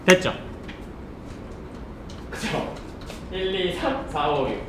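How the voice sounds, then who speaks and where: A man's voice: a little high, lively intonation, slow, bright, forceful tone, echoey room, slight background noise. A man teaching a programming class, asking his students rhetorical questions and checking that they follow along. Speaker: programming instructor. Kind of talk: live coding lecture.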